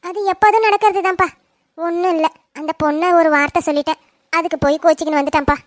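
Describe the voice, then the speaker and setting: A woman's voice: very high voice, fairly even intonation, fast, no room sound, clean studio sound. A woman voicing a worried, fretful middle-aged mother in a cartoon family drama. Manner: fretful, complaining.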